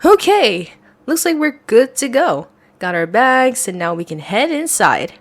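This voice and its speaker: Using a full character voice, a young woman voices a playful best friend hiding a crush in ASMR roleplay audio. She's chatty and expressive, fairly high-pitched at a measured pace, and sounds excited.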